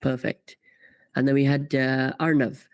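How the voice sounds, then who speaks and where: Reading out comments on his live karting coaching stream, a man chats away with lots of fillers and restarts. His medium-pitched voice barely moves in pitch, his pace is unhurried, and there's no echo.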